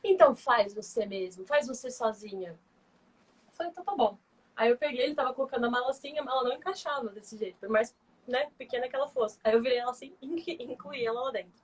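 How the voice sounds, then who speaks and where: A young woman talks quickly, in a high voice, through her lively stories. She acts out the people she quotes. It is a relaxed, casual chat. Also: breathy edge. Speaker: former flight attendant, guest.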